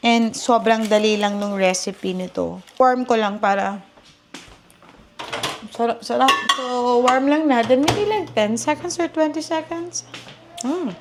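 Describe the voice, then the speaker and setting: This kitchen vlog features a Filipino woman in her thirties whose voice sits on the high side and moves a little slowly. She chats casually in a blend of Tagalog and English, captured by a small handheld camera, with background music and a noisy backdrop.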